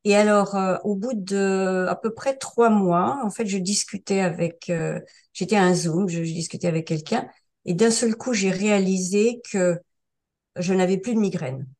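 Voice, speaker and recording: A woman of about seventy from France shares a casual spoken testimonial as an interview guest. She tells her story hesitantly, with many fillers and restarts. Her mid-range voice is a little mellow and moves at a moderate pace.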